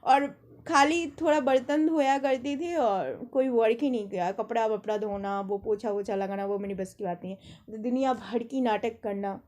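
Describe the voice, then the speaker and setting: A young woman with a high voice tells rambling personal stories in an easy, conversational way. She slips into quick impressions of the people she talks about. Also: a little mellow. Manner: chatty, rambling anecdotes with mimicked quotes. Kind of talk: casual storytelling monologue.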